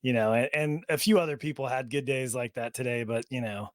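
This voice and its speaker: A man's voice: mid-range voice, fairly quick, dry recording, studio quality. A man hosting a fan podcast in casual, rambling chat full of fillers, who laughs easily while showing the audience around an online community. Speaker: podcast host. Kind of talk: casual chat while touring a chat server on screen.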